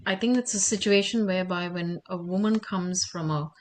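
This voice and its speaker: A woman's voice: on the low side, moderate pace, slight background noise. A woman on a group video call asking a question in a hesitant way, searching for her words. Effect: heard over a video call.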